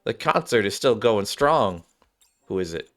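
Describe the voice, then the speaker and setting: A game streamer with a lowish, sing-song voice gives casual, unhurried commentary, reading dialogue aloud and tripping over the written words as he reacts. Game music plays in the background.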